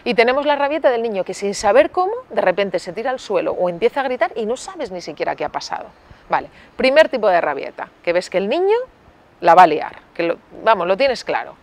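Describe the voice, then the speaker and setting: Lively storytelling woman pediatrician. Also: medium pitch, brisk. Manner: lively, acts out parent and child dialogue in storytelling; uses many filler tags like "¿vale?". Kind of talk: expert explaining parenting in an interview.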